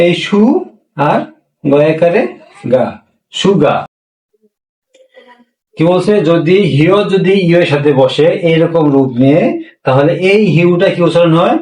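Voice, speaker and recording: A high-voiced man teaches a pronunciation lesson step by step, putting questions to his class and answering them himself. He repeats every point. His voice sounds a little distant from the mic in a roomy, echoing space. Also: darkish tone. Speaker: language teacher.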